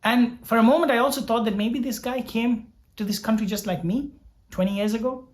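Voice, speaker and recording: A man's voice: very high voice, fairly quick. A young man from Sri Lanka, a doctor, telling his story in an earnest, reflective way, often repeating words as he thinks aloud. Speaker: doctor vlogger. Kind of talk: personal storytelling vlog.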